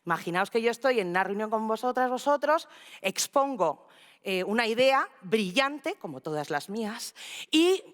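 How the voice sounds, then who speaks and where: A woman's voice: on the high side, big pitch swings, moderate pace, a bit bright. Woman giving a talk in a big echoey hall, voice jumps all over, playful, acts out voices. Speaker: speaker. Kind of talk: conference talk. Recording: reverberant hall.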